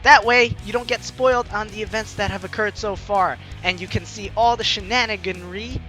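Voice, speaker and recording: This let's play host is a young man whose voice sits high and moves at a moderate pace. Over game music he gives casual, animated commentary and reads the game's lines aloud in a playful way.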